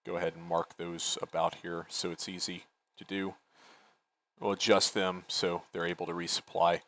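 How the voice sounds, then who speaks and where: A man's voice: sits low, little pitch movement, moderate pace, fairly bright tone. A man leading an online military game as commander, giving tactical briefings and talking through plans casually on a headset.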